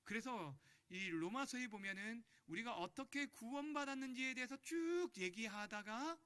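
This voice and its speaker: A man's voice: very high-pitched, lively intonation, normal speed, bright, forceful tone, clean tone. A male pastor preaching a sermon in church, leading the congregation in reading scripture aloud and asking them questions.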